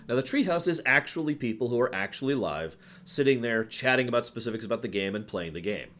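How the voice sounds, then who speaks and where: Against slight background noise, a man hosting a livestream talks fast in an animated, mid-range voice with a slightly bright edge. He offers casual, opinionated chatter to his viewers in an emphatic, conversational style, breaking off to address the chat.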